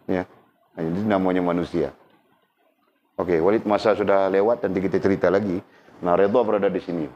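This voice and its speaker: Male religious teacher, low voice, chatty lesson style with frequent check-ins to students; dull lo-fi recording. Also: fairly even intonation, brisk. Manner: conversational, keeps checking in with listeners. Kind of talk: casual teaching talk.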